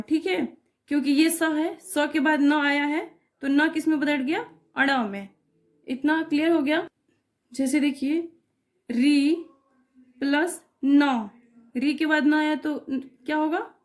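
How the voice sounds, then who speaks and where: A woman with a high voice gives an unhurried grammar lesson. She works through each example patiently and keeps checking that her students are following. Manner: patient, repeats checks like "clear?" and "okay". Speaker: teacher.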